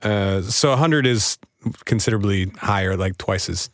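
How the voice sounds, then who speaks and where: Low-voiced man explaining casually. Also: normal speed, no room sound, clean studio sound. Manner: explanatory, plays audio clips, teasing. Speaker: podcast co-host. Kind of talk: casual podcast chat.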